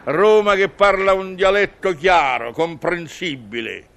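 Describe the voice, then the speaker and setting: A man's voice: high-pitched, unhurried, gravelly, a bit bright. A man with a Roman accent delivering a humorous, musing monologue in colloquial dialect, conversational and wry. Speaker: comic monologist.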